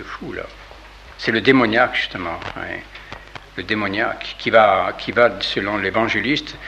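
A man's voice: lowish voice, pushed and bright, slight background noise. A man giving an informal sermon in a conversational way, repeating his phrases and sometimes dropping to a near-whisper for emphasis. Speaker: priest.

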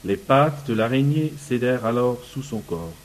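Halting man reading and commenting. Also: mid-range voice, lively intonation, poor audio. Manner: halting, often searching for words. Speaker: speaker commenting on a book. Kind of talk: reading passages aloud and commenting.

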